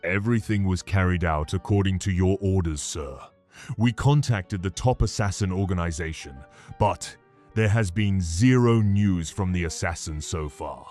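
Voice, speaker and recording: A man's voice: low-pitched, moderate pace, a little mellow, faint music behind, voice pushed down, close to an everyday voice. A man voicing a nervous male chief bodyguard who reports formally and deferentially. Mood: uneasy.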